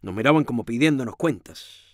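A man giving a dramatic first-person reading of a novel, swinging from hushed tones to shouting. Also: mid-range voice, lively intonation, brisk, dry recording, clean studio sound. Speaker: audiobook reader.

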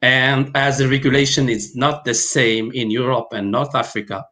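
This Algerian man, whose first languages are Arabic and French, is a guest pharmacovigilance specialist in an online interview over a video call from a room at home. He speaks haltingly, with many fillers and restarts, in a mid-range voice with little pitch movement and a bright, forceful tone.

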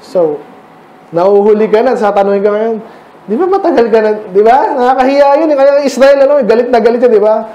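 High-voiced Filipino pastor preaching conversationally. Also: male voice, a little fast, warm tone, reverberant, highs cut off. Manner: conversational preaching, asks the congregation questions. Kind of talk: sermon. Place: church.

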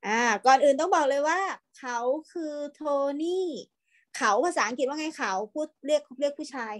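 A woman with a high voice teaches a class of young children over a video call. She is patient and coaxing, repeating each word slowly so the pupils can follow. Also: lively intonation. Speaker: primary school English teacher.

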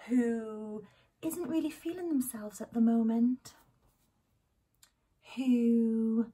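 A woman, chatting excitedly in a casual haul vlog, a little out of breath, dropping into whispered asides. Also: a little high, husky. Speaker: YouTube vlogger. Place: home.

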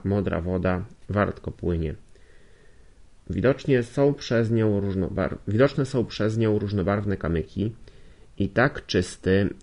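A man reading a novel aloud as an audiobook, steady, with occasional slips he corrects. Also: on the low side. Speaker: audiobook reader. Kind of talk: audiobook narration.

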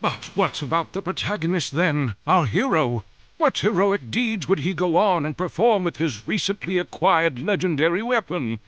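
A man's voice: fairly high pitch, animated, moderate pace, no room sound. A man narrating a game in a wry, mock-heroic storytelling manner. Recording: game audio under loud music.

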